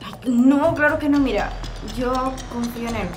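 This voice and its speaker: A trusting, upbeat young female shop clerk, acted by a woman in a scripted web drama. She has a fairly high voice, and clear music plays underneath. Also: moderate pace, a little mellow, natural voice. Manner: reassuring, upbeat. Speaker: store employee.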